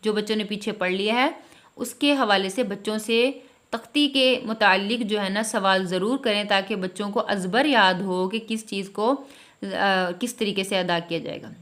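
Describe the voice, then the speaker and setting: A woman's voice: medium pitch, fairly bright tone. Woman patiently teaching Quran reading. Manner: repeats a reassuring "theek hai" to check understanding. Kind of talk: spelling out and reciting a reading primer lesson.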